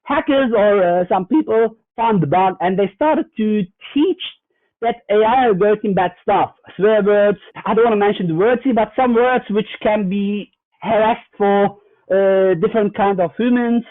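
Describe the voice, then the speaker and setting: This fireside chat guest, a cybersecurity executive from Germany, has a high-pitched voice and a measured pace, heard dry with no echo on a tinny, phone-like remote line. He gives earnest explanations with examples, peppered with hesitant fillers and restarts.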